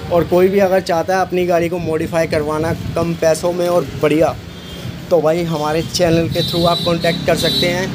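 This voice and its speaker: Casually showing off his work on camera, a boastful, chatty bike shop owner with a high-pitched voice calls everyone "bro" and says "bhai" constantly. The bike mechanic and channel host films this walkaround at his outdoor repair shop using a phone camera while staying off screen. Traffic and street noise run behind him.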